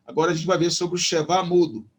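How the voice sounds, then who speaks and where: A man with a Brazilian Portuguese accent teaching an online Hebrew lesson, explaining step by step with many fillers and restarts. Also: a little high. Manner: slows down to pronounce Hebrew words. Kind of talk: online lecture.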